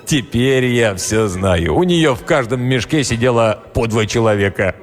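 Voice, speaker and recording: A man voicing a boisterous middle-aged male Cossack villager who exclaims and grumbles in drawn-out phrases. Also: mid-range voice, lively intonation, close to an everyday voice. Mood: indignant. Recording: roomy reverb, soft music behind.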